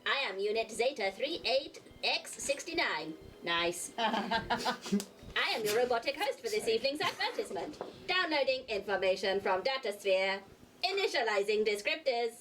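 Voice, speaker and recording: A woman's voice: on the high side, sing-song, normal speed, fairly bright tone. A woman putting on a robot voice as a robotic host reading a comic advert, with a stiff announcer cadence and computer status phrases. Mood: deadpan mechanical. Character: robotic male-less unit host reading an ad. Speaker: player reading a sponsor advert.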